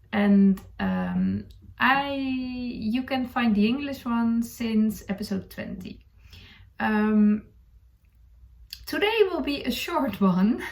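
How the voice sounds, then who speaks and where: Chatting casually to camera, a Dutch knitting podcast host from the Netherlands speaks with a creaky voice pitched a little high. She hesitates, hunts for words, and chuckles every so often.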